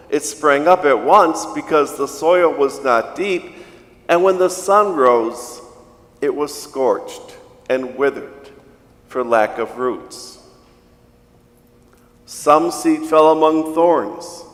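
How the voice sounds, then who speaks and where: A man, a priest, reading the gospel and preaching at mass in a slow, measured way, his voice ringing with a cathedral echo in a large church. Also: fairly high pitch, fairly bright tone. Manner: slow, measured liturgical delivery.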